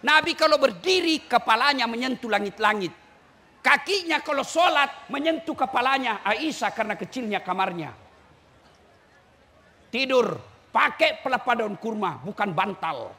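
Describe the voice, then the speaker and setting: Male preacher, high ringing voice, playful crowd-teasing sermon. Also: animated, normal speed. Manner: teasing, shouting and singing to the audience. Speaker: Islamic preacher. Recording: echoey hall with faint ambience.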